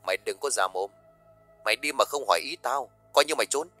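A man voicing a brutal male loan shark gangster who makes fast, low, growled threats. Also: level tone, sharp tone, clear, resonant tone, soft background music. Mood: menacing.

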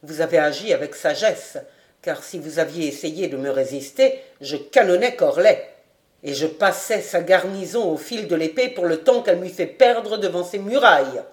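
A woman's voice: lowish voice, moderate pace, hardly any pauses, roomy sound, close to an everyday voice. A woman reading an audiobook voices a stern, scornful old male marshal who scolds with contempt. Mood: stern scolding.

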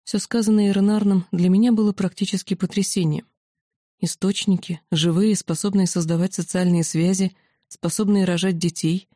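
A woman reads a first-person fantasy audiobook in a steady, quietly dramatic voice. Her tone is dark and mellow, and the recording is dry and close with no room sound. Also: fairly low pitch, no room sound. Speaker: audiobook narrator.

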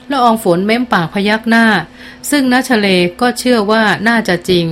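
A woman reading a novel aloud as an audiobook narrator, in a steady storytelling manner that slows down for dialogue. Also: mid-range voice, a little hiss or hum.

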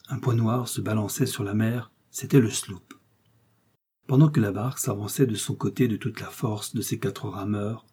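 A man reading a classic novel aloud as an audiobook narrator, measured and steady. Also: fairly low pitch, husky. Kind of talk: scripted narration.

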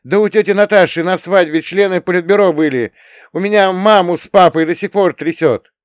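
A man voicing a tearful, angry teenage girl who is breaking up with her boyfriend and shouting at him. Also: a little fast, dry recording, studio quality, lightly acted. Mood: furious. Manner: shouting, high-pitched.

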